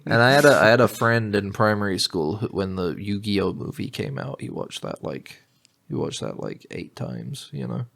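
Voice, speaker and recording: A British man co-hosting a podcast, chatting casually with a dry, joking delivery and a throat going hoarse. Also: on the low side, expressive, normal speed. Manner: dry, joking delivery with loud acted-out shouts. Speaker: podcast co-host. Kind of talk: casual comedic chat.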